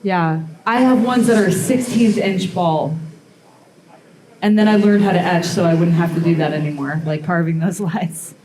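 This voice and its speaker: Speaking at a moderate pace in a warm, lowish voice, a blacksmith demonstrator works metal live before an audience, with a little hiss or hum on the recording. Her delivery is casual and meandering, full of "um" and "like." The room echoes with crowd noise.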